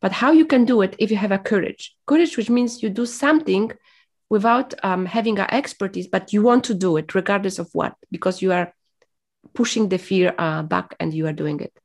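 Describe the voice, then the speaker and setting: A woman with a mid-range, darkish voice speaks a little fast as an interview guest, her first language being Polish. Reflective and motivational, she hesitates and fills pauses while searching for words.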